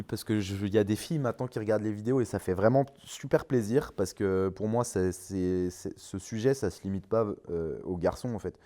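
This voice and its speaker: A man talks casually to his viewers in a low, mellow voice. He stops and restarts often, filling pauses as he explains things. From France. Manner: hesitant, many fillers and restarts. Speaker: car detailing YouTuber. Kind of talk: casual vlog Q&A.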